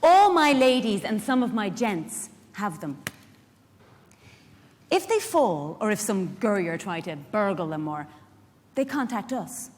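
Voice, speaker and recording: Here the Irish actor's voice sits in the mid range with a darkish tone as she delivers a live monologue in the role of a spirited, protective carer. Her manner is chatty and wry, full of rhetorical questions aimed at the crowd, while the mood stays tender and explanatory. The reading takes place on stage in a big indoor hall, and the sound is echoey.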